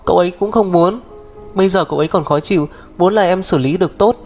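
Một người đàn ông đọc truyện, lồng tiếng một cô em gái trẻ bướng bỉnh, hay khóc, nói giọng the thé và phẫn nộ. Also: male voice, quick pace, darkish tone, soft background music. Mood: defiant. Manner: shrill, indignant, pouting. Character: young woman, stubborn tearful younger sister.

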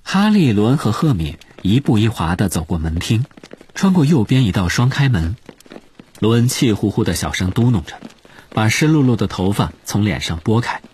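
A man reads a story as an audiobook narrator. His voice is low and lively, telling it expressively over a faint background noise. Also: normal speed.

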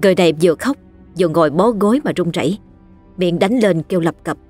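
A narrator telling a ghost story in a steady, scripted way. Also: mid-range voice, quick pace, faint music behind.

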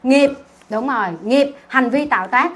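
Nun teaching sutra class, keeps asking questions n answering herself, playful, slightly high voice. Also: female voice, moderate pace. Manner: quizzes listeners, answers own questions; teasing, lively. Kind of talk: dharma talk with questions to the class.

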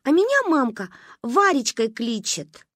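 A high, prim little village girl drawls her words slowly and takes offence easily, voiced by a woman reading a storybook. The voice is a little husky and close to the mic, with no room sound. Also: big pitch swings, fairly bright tone, dry recording, full character voice. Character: stern village girl in a headscarf.

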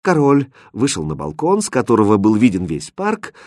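Мужчина читает сказку очень выразительно. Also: male voice, on the low side, normal speed, dry recording, clean studio sound. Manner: expressive storytelling. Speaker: audiobook narrator. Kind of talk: fairy tale reading.

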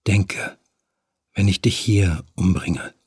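A seductive demon with a hook for a hand, his body swarming with bees, murmurs in a deep, husky near-whisper, as a male narrator puts him on. He draws every word out slowly and menacingly. The audiobook recording is dry and close. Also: fairly even intonation, no room sound, exaggerated voice. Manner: low murmuring, sinking to a hushed whisper.

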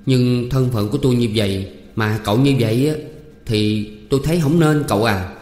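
A man's voice: medium pitch, normal speed, darkish tone, lightly acted. A man with a Southern Vietnamese accent voicing a shy, anxious young servant girl in a storybook, hesitant and pleading. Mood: worried. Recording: roomy reverb, faint music.

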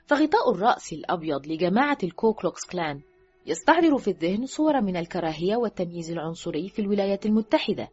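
A woman narrating a thriller audiobook in an expressive, scripted reading style, letting her voice drop low and quiet at the ends of sentences. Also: husky. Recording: dull lo-fi recording with faint music.

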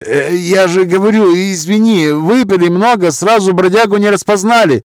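A man voicing a nervous peacemaker who fawns and tries to smooth things over. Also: high-pitched, dry recording, pitched above the performer's own voice, close to an everyday voice. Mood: placating. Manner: placating, hurried, fawning. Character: anxious peacemaking man, placating and fawning.

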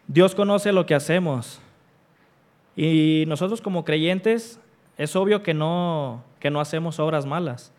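A man preaching a sermon, stressing repeated refrains and reading scripture aloud with deliberate pauses. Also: fairly high pitch, a little mellow. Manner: emphatic repeated refrains, rising on each.

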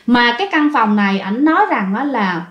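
A woman's voice: a little high, animated, normal speed. A woman with a Southern Vietnamese accent telling a ghost story in a chatty way, talking straight to her listeners. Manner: chatty, addresses listeners directly. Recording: roomy, slightly dull recording.

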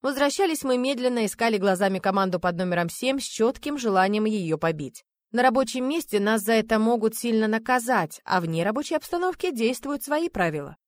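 A woman narrating a first-person story aloud, lively and playfully ironic. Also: a little high, no echo, clean studio sound. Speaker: audiobook narrator.

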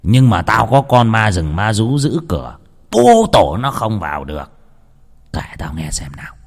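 A man voicing an old village shaman who gives stern, gruff orders slowly. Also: lowish voice, sing-song, full character voice. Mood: mocking. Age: older. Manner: slow, stern, gruff commands. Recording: long reverb.

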